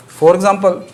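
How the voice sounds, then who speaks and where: Lecturing on maths in English, a native Urdu speaker with an Urdu accent explains step by step, with frequent pauses and fillers. His voice is high-pitched and dark-toned, with vocal fry.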